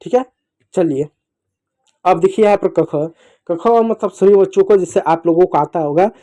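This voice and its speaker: A man teaching young children to read in a slow, patient way. He repeats each sound, asks the children to echo it and calls them dear children. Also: high-pitched, warm tone. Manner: addresses children fondly. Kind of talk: children's reading lesson.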